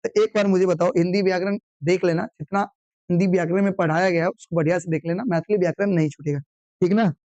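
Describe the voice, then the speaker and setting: A man's voice: high voice, steady tone, darkish tone, no room sound, highs cut off. Guy teaching online revision, fires questions and answers them himself, kinda scolding, dry close sound. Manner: drilling call-and-response questions, brisk and scolding. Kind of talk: online exam revision class.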